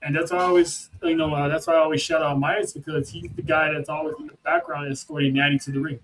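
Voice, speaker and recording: Animated man in casual podcast chat. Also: a little high, quick pace, slight background noise, poor audio. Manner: animated, repeats words, laughs. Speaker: podcast co-host. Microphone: remote call setup.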